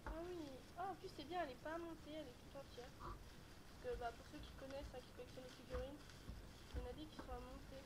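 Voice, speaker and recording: A woman with a high voice chats eagerly to her viewers as she opens a parcel, excitable and quick to laugh. A low rumble and steady noise run under her home recording. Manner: chatty and excitable, laughing often. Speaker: YouTuber. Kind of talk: casual unboxing chat.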